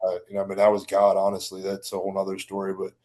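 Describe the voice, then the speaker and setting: A man's voice: low-pitched, monotone, racing, warm tone. A man in his late twenties from Baltimore, a guest chatting casually on a podcast in a laid-back, slangy way with frequent restarts. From Baltimore, Maryland. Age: 20s. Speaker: guest bodybuilder.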